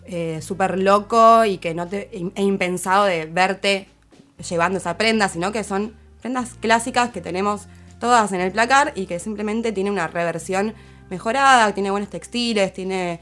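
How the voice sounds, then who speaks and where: A woman's voice: mid-range voice, moderate pace, fairly bright tone, faint music behind. A woman with a Rioplatense Spanish accent, casually discussing fashion on a panel and nodding along with frequent affirmations. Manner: thoughtful, many affirming fillers. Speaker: fashion commentator.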